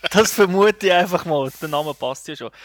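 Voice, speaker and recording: A man's voice: high voice, moderate pace, dry recording. A man with a Swiss German accent, hosting a casual podcast and steering the talk with questions. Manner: leads the talk, asks questions. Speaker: podcast host.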